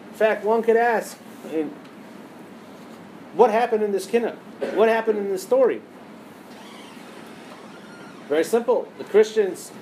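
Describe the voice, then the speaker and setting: A man's voice: high-pitched, a little hiss or hum, rough recording. A man teaching a lesson on liturgical poems, telling a parable with rhetorical questions and many Hebrew terms. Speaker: Torah teacher.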